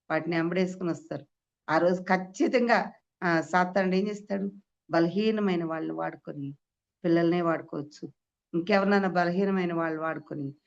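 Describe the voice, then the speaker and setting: A woman preaching an Easter sermon to a women's meeting, giving testimony with emphatic rhetorical questions and sudden high exclamations. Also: vocal fry. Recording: dull lo-fi recording.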